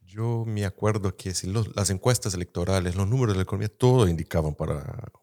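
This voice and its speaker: A deep-voiced man with a dark tone and quick pace offers conversational political analysis as a commentator. He has a Brazilian Portuguese accent and speaks a Portuguese-influenced Spanish mixed with Portuguese, searching for words as he goes.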